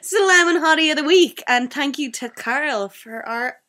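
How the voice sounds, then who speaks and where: A fairly high-voiced woman co-hosting a podcast. She talks in a loose, chatty way and giggles often. She swears casually as she goes. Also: lively intonation, a little slow, bright, forceful tone. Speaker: podcast co-host. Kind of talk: casual chat.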